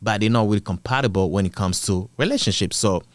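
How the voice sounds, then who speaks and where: A man's voice: lowish voice, fast talker, no echo. A man hosting a drama channel, giving casual, blunt, slangy reaction commentary with repeated rhetorical questions.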